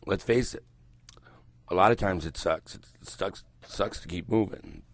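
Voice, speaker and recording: Low-voiced and a little slow, an older radio host rambles loosely and swears freely in casual morning chat. A cold has left him hoarse and croaky, though his voice is coming back, and he talks into a headset mic around his ear in a small studio.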